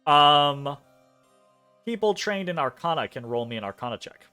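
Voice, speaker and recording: A man narrating a tabletop game as game master, with a high, lively voice that rises and falls a lot. He talks loosely, full of fillers. Soft music plays underneath. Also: moderate pace, clear, resonant tone.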